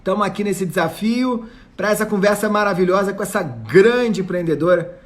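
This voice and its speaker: A Brazilian man with a high voice hosts a casual live online chat over a video call at a normal pace. He is effusive and informal, and he often repeats his phrases.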